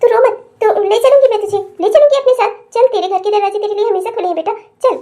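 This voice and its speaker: A woman's voice: very high-pitched, quick pace, mellow. A woman voicing a caring, protective mother in a cartoon, soothing and firm. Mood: comforting.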